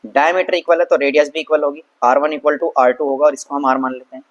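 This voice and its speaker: A man's voice: a little high, steady tone, dull audio. Chatty male teacher quizzing himself. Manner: conversational, asks and answers his own questions; mixes English terms and reads English text slowly. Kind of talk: casual Hindi science lesson.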